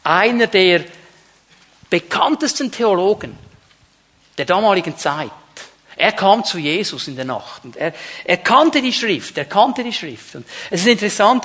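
This man's voice is high-pitched and a little bright as he delivers a sermon to his flock. Addressing the congregation head-on, the pastor drives his points home by repeating key words.

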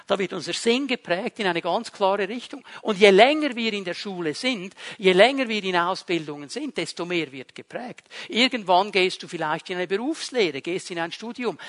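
Guy preaching, highish voice, keeps hammering the same point and talks right to the crowd. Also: a bit bright. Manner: emphatic, repetitive, addresses listeners directly. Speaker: pastor. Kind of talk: sermon.

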